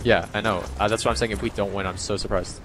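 A man on a headset talking casually while gaming, reacting quickly and repeating himself. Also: fairly low pitch, steady tone, a bit bright, soft background music. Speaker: gamer.

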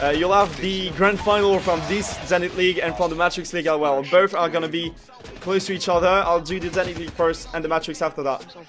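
A young man in his twenties from France with a French accent, an esports caster and streamer talking casually on a headset mic over gameplay, searching for words and sometimes losing his thread. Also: fairly high pitch. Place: indoor room, gaming chair.

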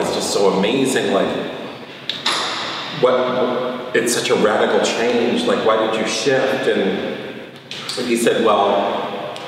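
Man, middle-aged, low-pitched, thoughtful, roomy long reverb, mic at a distance. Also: a little hiss or hum. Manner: thoughtful, often ends points with "right?". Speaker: painter discussing his work. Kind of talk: reflective studio interview.

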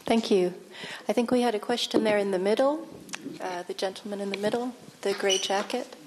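A woman chairing a conference Q&A, calling on questioners in a brisk, polite way. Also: mid-range voice, a little hiss or hum, low-quality recording. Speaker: session chair. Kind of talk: moderating a Q&A.

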